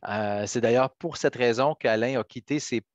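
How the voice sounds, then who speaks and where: A middle-aged man from Quebec with a Quebec French accent, answering interview questions as a politician in measured, hesitant phrasing. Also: mid-range voice, dry recording. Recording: dull, lo-fi band-limited sound.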